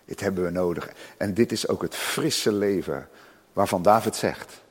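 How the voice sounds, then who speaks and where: Male preacher, husky, impassioned sermon delivery, long reverb of a church hall. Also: normal speed. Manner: impassioned, swells loud and high on emphasis.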